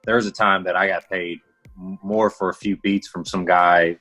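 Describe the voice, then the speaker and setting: A man's voice: deep voice, little pitch movement, normal speed, sharp tone, rough recording. A young man from Houston, Texas, a music producer guest talking casually in an interview, laid-back with lots of filler words. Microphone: livestream call.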